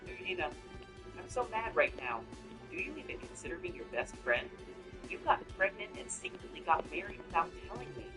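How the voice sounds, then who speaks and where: A man's voice: high voice, sing-song, normal speed, over music, pitched above the performer's own voice, low-quality recording. A man reading the part of a young woman's nosy, teasing best friend in a narrated story. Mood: indignant.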